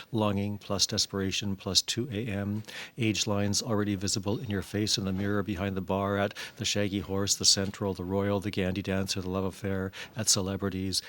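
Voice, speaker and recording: Low, flat-voiced man reading aloud. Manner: measured, unhurried recitation. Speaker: author reading from his book. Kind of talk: slow literary reading.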